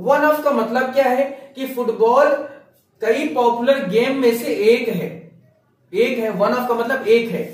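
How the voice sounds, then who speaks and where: A man with a Hindi accent teaching an English grammar lesson, explaining step by step and asking rhetorical questions as he goes. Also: very high voice. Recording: echoey room, voice from a distance.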